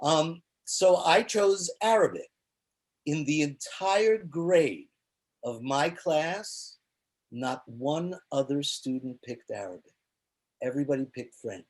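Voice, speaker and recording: A man's voice: on the high side, slow pace. A man who grew up in Israel, hosting a casual online chat and telling jokey stories. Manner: jokey, animated storyteller. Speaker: organization founder and event host.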